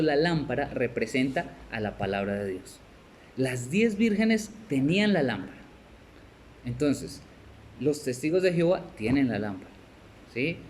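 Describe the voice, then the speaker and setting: A man's voice: medium pitch, darkish tone, a little hiss or hum. A man with a Colombian Spanish accent, teaching a discipleship class in a conversational way, often checking in with "right?" and laughing now and then. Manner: conversational, asks "¿cierto?" and "¿sí?" often, laughs, acts out little scenes.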